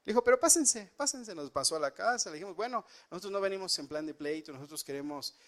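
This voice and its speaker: A man's voice: a little high, rapid-fire, fairly bright tone. A man preaching a sermon, telling a personal story earnestly and rising and dropping his voice for emphasis. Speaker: pastor.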